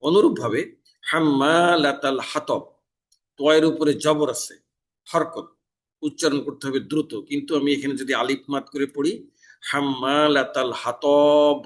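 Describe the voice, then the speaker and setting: A man from Bangladesh, a Quran teacher in a mosque, explaining tajweed rules step by step and reciting short verse examples slowly. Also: fairly high pitch, fairly even intonation. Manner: explains each error, then recites the verse slowly and drawn out. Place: mosque in Dhaka.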